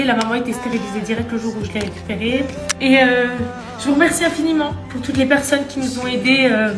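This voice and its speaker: A woman with a lisp on her s sounds, chatting casually to her followers as she films stories on a phone. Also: a little high. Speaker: vlogger filming social media stories.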